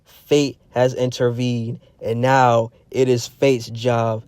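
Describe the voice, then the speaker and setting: A man putting on a grave sorcerer of fate, declaiming slowly and solemnly with commanding weight. the voice is dry and close, at a middling male pitch. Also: little pitch movement, a little mellow, smooth, no room sound, natural voice.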